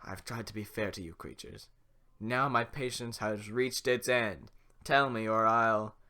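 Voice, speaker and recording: A man's voice: on the low side, steady tone, a little slow, pushed and bright, pitched below the performer's own voice. A man doing a cold, menacing villain lord. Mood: threatening. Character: small, cruel, vain male lord villain.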